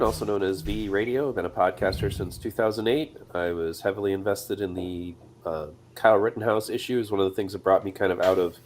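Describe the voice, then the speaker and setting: Low-voiced man moderating a panel. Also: slight background noise. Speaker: podcaster and moderator. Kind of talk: casual panel chat.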